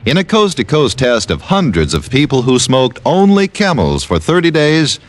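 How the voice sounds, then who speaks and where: Lively mid-pitched male radio ad voice. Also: normal speed. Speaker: commercial announcer. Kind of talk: scripted 1950s radio advertising.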